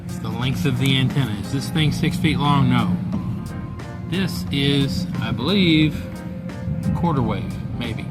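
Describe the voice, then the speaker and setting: A ham radio operator and mentor talks through a topic in a relaxed, rambling, folksy vlog, with loud music playing behind him. He has a mid-range voice and speaks at a measured pace.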